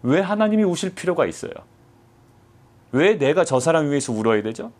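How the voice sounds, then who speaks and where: A man preaching a sermon as pastor, asking the congregation rhetorical questions and stressing key words by slowing down. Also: medium pitch, a little mellow. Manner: rhetorical questions, quoting God in a mock-gruff voice.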